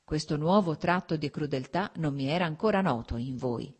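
A woman's voice: low voice, expressive, normal speed, darkish tone, breathy edge. Woman narrator voicing a proud young wife, cornered and defensive. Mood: defiant.

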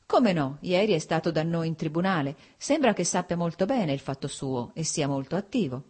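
A woman's voice: low voice, animated, moderate pace, breathy edge. A woman voicing a cheerful, talkative middle-aged nobleman who coaxes and pleads. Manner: warm, coaxing, talkative.

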